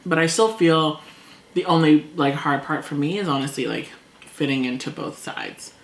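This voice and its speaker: A woman chatting casually over a meal, talkative and quick to laugh, acting out things people said. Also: deep voice, vocal fry. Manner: chatty, laughs often, acts out past quotes. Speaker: co-host. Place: indoors at a table. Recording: echoey room, faint noise.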